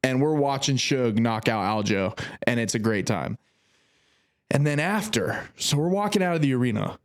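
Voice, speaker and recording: Excited young man telling a story. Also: moderate pace, clear, resonant tone. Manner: animated, swearing, pitch jumps way up when quoting people. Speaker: podcast guest. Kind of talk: casual storytelling chat.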